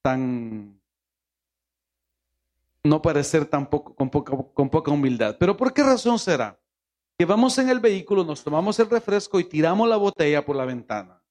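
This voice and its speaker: A man's voice: fairly high pitch, animated, normal speed, darkish tone. A man from Honduras with a Honduran Spanish accent, a pastor who prays with pleading repetition and then preaches, asking the congregation rhetorical questions. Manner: pleading, repeating "Señor" in prayer. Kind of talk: sermon with prayer.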